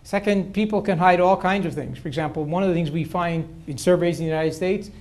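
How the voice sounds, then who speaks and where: In a lecture hall Q&A, an older political science professor responds at length to the audience, restarting often. His voice sits high with a darkish tone and a fairly quick pace.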